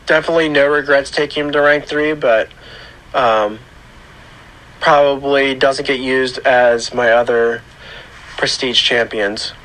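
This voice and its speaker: A man with a hoarse, grating voice from a sore throat gives casual, unscripted gaming commentary in a halting, matter-of-fact way. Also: mid-range voice, fairly even intonation, a bit bright, low-quality recording. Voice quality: rough, grating. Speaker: gaming channel host. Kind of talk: casual video game account tour commentary.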